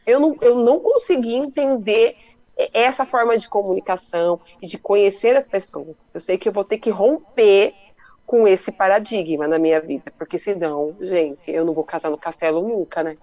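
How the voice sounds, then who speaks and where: A woman's voice: mid-range voice, normal speed, mellow, lo-fi sound. A woman hosting a radio talk show, chatting casually and joking about herself in colloquial speech. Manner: chatty, self-mocking, colloquial.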